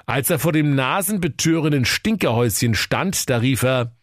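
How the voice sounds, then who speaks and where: A man narrating a comic storybook reading in an animated, playful way. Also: mid-range voice, moderate pace, no room sound, clean studio sound.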